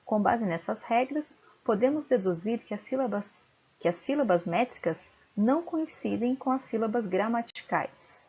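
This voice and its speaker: A woman's voice: fairly high pitch, animated, moderate pace, darkish tone, breathy edge, dull audio. A woman teacher giving a home-recorded video lesson, patiently sounding out syllables one by one.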